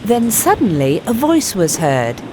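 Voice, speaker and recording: A woman reads a storybook chapter aloud, her voice lively and full of rise and fall. Clear background noise sits under the reading. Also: mid-range voice, measured pace. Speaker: narrator.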